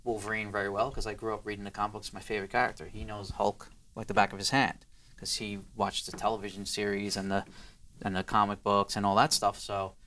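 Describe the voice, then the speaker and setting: Man, lowish pitch, crisp bright tone, casual interview guest, conversational storytelling. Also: flat delivery, fast talker, a little hiss or hum. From Queens, New York. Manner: acts out quoted exchanges, peppers talk with 'you know'. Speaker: interview guest, design studio co-founder.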